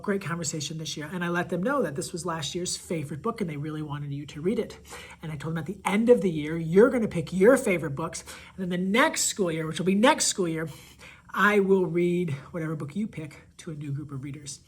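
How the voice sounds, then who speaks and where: A man teacher talking casually and enthusiastically about favorite picture books, gushing with praise and sometimes dropping to a soft near-whisper. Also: high-pitched, slightly rough, poor audio. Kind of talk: casual book recommendation video.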